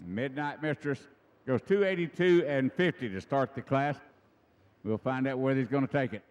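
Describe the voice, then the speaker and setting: A man's voice: mid-range voice, normal speed, darkish tone, smooth, muffled recording. A middle-aged American man giving live event commentary as a tractor pull announcer in a folksy, emphatic way, repeating himself for effect.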